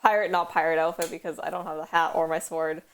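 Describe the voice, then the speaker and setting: A woman's voice: deep voice, little pitch movement, fast. A young woman from Canada with a West Coast Canadian accent, chatting casually on a stream and rambling with lots of "like". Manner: heavy use of "like", rambling storytelling. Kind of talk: casual chat. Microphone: headphones.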